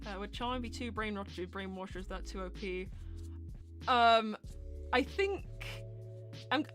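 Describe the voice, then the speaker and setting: Soft music sits under a woman's mid-range, fairly bright voice, and she takes her time. Hosting and voicing a live character Q&A show, she chats casually and animatedly, reading audience questions and thinking aloud toward answers.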